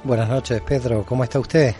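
A man's voice: medium pitch, steady tone, moderate pace, over music. A man answering as a guest scholar in a radio interview, formal and explanatory, with frequent fillers.

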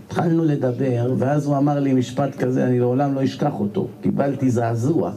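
A male rabbi preaching a sermon and telling stories animatedly, acting out the people in them. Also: medium pitch. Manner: animated storyteller, acts out voices. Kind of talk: sermon storytelling.

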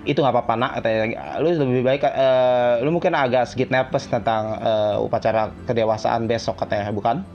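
Halting man reading game dialogue, muffled. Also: mid-range voice. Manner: halting, self-correcting delivery. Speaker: gameplay video host. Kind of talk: casual live translation and reading of game dialogue. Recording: dull lo-fi sound, music behind.

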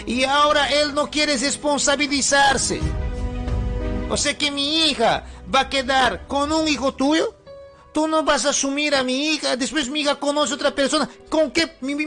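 A man's voice: very high voice, bright, forceful tone, voice pushed up, heavily acted. A man voicing a strict, furious middle-aged father who scolds his daughter and makes threats.

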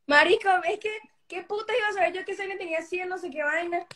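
A young woman telling a story in a lively, casual way on a livestream, with easy slang and swearing. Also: very high-pitched, fast talker. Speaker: livestream co-host.

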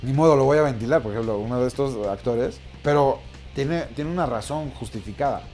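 A man's voice: medium pitch, brisk, a little mellow, soft background music. A man with a Mexican accent telling casual anecdotes as a comedian vlogger, slangy and playful, acting out the people he talks about. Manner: slang-heavy, playful, acts out other people mid-story. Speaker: comedian and YouTuber.

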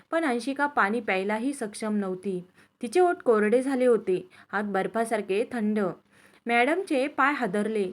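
A woman storyteller reading a sad story aloud in a slow, dramatic, emotional way. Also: a little high. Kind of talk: scripted story narration.

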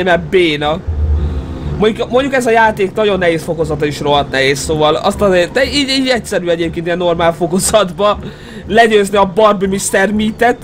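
A man's voice: high voice, slight background noise. A man playing a horror game and commenting, teasing the monster and yelping when startled. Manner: excitable, mocking the monster, yelps when startled. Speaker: gaming YouTuber. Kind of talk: let's play commentary.

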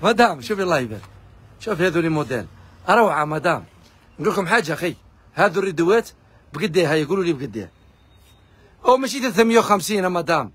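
A man with an Algerian accent, pitching fabric discounts in a pushy live sales video. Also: big pitch swings, a bit bright, slightly rough. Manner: rapid, pushy hawking to viewers. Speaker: fabric shop seller.

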